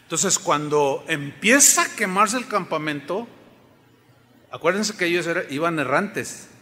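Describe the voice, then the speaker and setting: High, bright-voiced pastor preaching. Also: male voice, expressive, unhurried. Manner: emphatic, often asks the congregation questions. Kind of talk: sermon. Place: church sanctuary. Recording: long reverb of a large hall.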